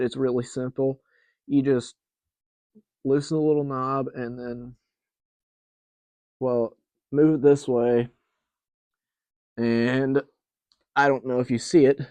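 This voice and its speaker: A man narrates a casual demo video of an old fan for his vintage fan collector channel, slipping into rambling asides and restarts. His mid-range voice is a little mellow, and the recording is dry.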